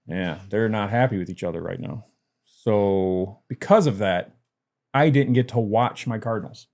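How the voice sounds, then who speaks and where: A man co-hosts a laid-back wrestling chat show, his voice dark and mellow. He rambles easily, complains with a grin and breaks into laughter now and then. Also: fairly low pitch, moderate pace. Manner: chatty, laughs while ranting. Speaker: podcast co-host. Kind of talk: casual wrestling podcast chat. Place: lives in Detroit.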